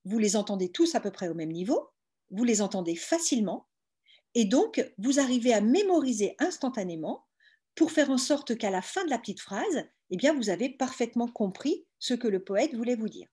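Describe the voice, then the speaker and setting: A woman's voice: on the high side, big pitch swings, moderate pace, mellow, slightly rough. A woman giving an explanatory online lecture on hearing, patiently walking listeners through each point step by step. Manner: patient, explains step by step with frequent "hein" and "bah". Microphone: video call.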